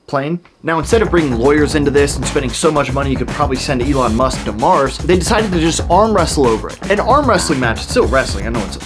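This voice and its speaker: A young man talks through his vlog in a loose, playful way, tossing off jokes and quick asides. His voice sits a little high, and a music bed plays beneath it. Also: lively intonation. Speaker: video host. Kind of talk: casual vlog narration.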